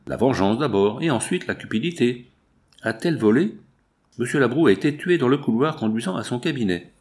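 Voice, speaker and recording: A man's voice: medium pitch, lively intonation, a little fast, a little mellow, lightly acted. A man voicing a stern, self-assured examining magistrate in an audiobook, speaking with firm authority.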